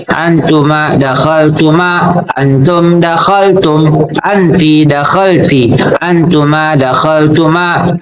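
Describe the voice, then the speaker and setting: A man leads a grammar lesson, chanting lists of verb forms one after another. His voice sits a little higher than most men's. Between the lists he explains each change in a quick, practical way. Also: fairly bright tone, muffled recording. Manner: rhythmic drilling of word lists, then brisk explanation. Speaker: Arabic grammar teacher. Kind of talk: spoken lesson, reciting verb conjugations.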